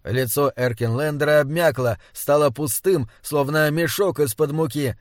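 A man reads a fantasy novel aloud in a measured, dramatic style. His voice sits a little high for a man, and the recording is dry and close, with no room sound. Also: dry recording. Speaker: audiobook narrator. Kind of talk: scripted narration.

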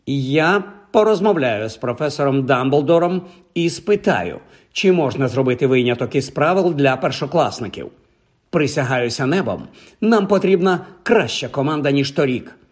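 A man voicing a stern older female teacher, strict and measured. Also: mid-range voice, animated, close to an everyday voice.

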